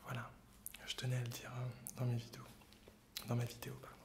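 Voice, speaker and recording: A man hosting ASMR in a gentle, hesitant whisper, very close in the ear on binaural microphones. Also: medium pitch, completely flat delivery, brisk, vocal fry, noisy background. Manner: gentle, soft-spoken. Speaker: ASMR video host. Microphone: close binaural stereo microphones.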